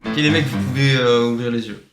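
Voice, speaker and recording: A man's voice: mid-range voice, fairly quick. A young man, hosting a food challenge in casual, slangy banter with friends. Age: young adult. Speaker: host of a food challenge video. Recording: echoey room, loud music behind.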